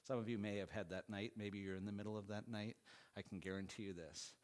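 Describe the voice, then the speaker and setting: Earnest low-voiced male preacher. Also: steady tone, quick pace. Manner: earnest, rising to emphatic then dropping soft and low. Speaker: pastor. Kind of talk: sermon.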